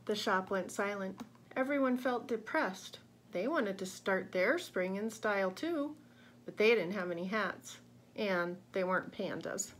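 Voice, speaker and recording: Expressive woman reading a picture book aloud. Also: mid-range voice, a little slow, slight background noise. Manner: expressive, asks young listeners questions. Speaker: read-aloud narrator.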